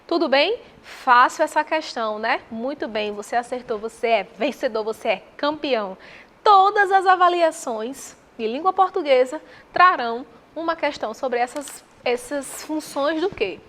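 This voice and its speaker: A woman with a Brazilian accent teaching Portuguese, walking through exam answers with rhetorical questions and slow repetition of terms. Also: high voice, expressive, a bit bright. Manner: didactic, asks the viewer rhetorical questions; spells out terms slowly and repeats them.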